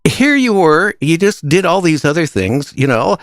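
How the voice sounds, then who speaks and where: Jokey, excitable male radio host. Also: fairly high pitch, moderate pace, no room sound, studio quality. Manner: excitable, jokey, laughs easily. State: out of breath. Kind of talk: casual interview.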